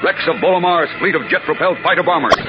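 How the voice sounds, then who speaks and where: A man's voice: on the high side, fast talker. A man narrating a 1940s radio adventure serial in an urgent, declamatory scripted style. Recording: muffled old radio recording, loud music.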